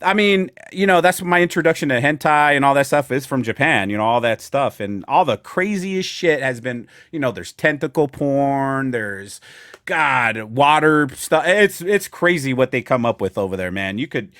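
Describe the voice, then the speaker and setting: A man's voice: medium pitch, animated, normal speed, fairly bright tone, no echo, studio quality. A man hosting a podcast in casual chat, rambling and joking with friends. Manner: rambling, laughing, lots of fillers and jokes. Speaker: podcast host.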